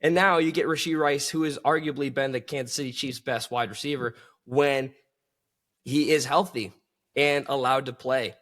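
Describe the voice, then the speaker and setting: A man's voice: medium pitch, fairly even intonation, normal speed, a bit bright. A man hosting a solo sports podcast, talking with enthusiasm and calling his listeners folks.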